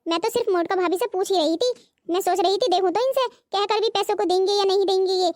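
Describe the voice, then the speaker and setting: A woman's voice: very high voice, fast, darkish tone, dry recording, studio quality. A woman voicing a whiny young college girl. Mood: sulky. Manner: whiny, sulky. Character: young college-going sister-in-law, sulky and demanding. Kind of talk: cartoon voice acting.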